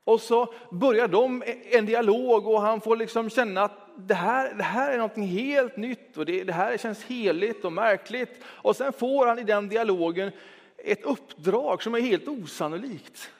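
A man preaching a Sunday sermon in a church, reflective, switching between quick talk and slow, stressed words. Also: high-pitched. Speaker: pastor. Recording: long church reverb.

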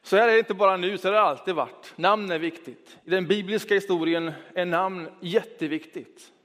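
High-voiced man preaching in a reverberant church. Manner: reflective, lively shifts between quick talk and slow emphasis. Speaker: pastor. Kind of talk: sermon.

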